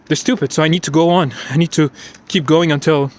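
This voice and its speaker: A man with a slightly high voice and fairly even intonation speaks briskly while walking outdoors in an unscripted personal vlog. Out of breath and emotional, he recounts an exam, repeating himself and often restarting sentences.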